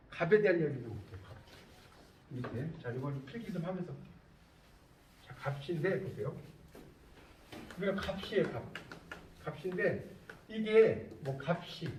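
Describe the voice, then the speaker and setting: High-voiced male lecturer, distant and echoey. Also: a little mellow, slight background noise. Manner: questioning students often, checking understanding. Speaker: university lecturer. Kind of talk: classroom lecture. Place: lecture room. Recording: distant, echoey, dull classroom recording.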